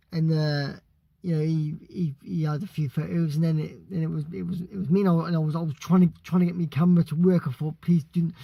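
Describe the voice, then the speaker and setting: A British man from the UK telling a story casually, excitable and stumbling over his words. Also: fairly high pitch, gravelly, dry recording. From United Kingdom. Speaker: vlogger.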